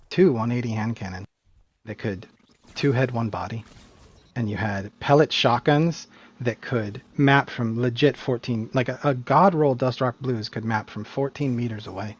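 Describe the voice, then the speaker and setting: A man's voice: mid-range voice, breathy edge, muffled recording. A man answering interview questions in a casual, emphatic way, often restarting his sentences. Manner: animated, emphatic opinions with frequent restarts. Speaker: guest, competitive game player.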